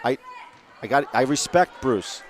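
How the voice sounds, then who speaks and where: A man doing play-by-play for a local school basketball game from a press box, chatty and quick to correct himself. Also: mid-range voice, lively intonation, some chatter behind. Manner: chatty, rambling asides, self-corrections. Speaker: play-by-play commentator. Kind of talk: local sports commentary.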